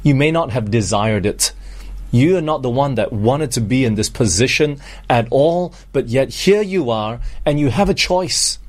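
Malaysian-born guy preaching a sermon, earnest, drags out scripture lines slow. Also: medium pitch, lively intonation, darkish tone. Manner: earnest preaching, slows down on scripture, rhetorical questions. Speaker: pastor.

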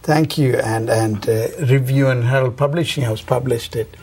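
Measured, formal male radio host. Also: mid-range voice, fairly even intonation, darkish tone, husky. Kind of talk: scripted narration and interview.

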